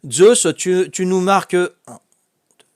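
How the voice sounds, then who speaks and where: A chatty man with a Corsican French accent runs a casual family quiz, laughing often as he goes through everyone's answers. His voice sits a little high for a man. The sound is dry and close, with almost no room echo. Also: animated, measured pace. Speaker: quiz host.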